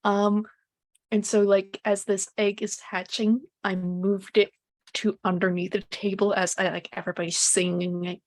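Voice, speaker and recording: A woman playing a tabletop role-playing game, casually describing her moves in halting bursts full of "like". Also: mid-range voice, little pitch movement, dry recording. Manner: halting, filler-heavy, frequent "like". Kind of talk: casual improvised role-play chat.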